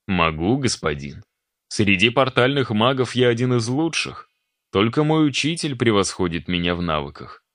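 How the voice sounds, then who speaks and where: A man's voice: medium pitch, sing-song, fairly bright tone, dry recording, studio quality. A man voicing a deferential, solemn portal mage who serves a new lord. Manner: humble, solemn, slow.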